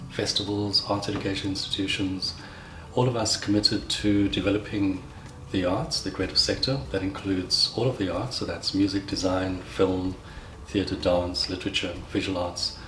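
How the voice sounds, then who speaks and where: The secretary general of an arts network gives a prepared explanation of the organisation's work in a promotional interview, articulate and methodical. His lowish, slightly bright voice moves at a moderate pace with fairly even intonation, and the recording has a roomy echo and faint background noise.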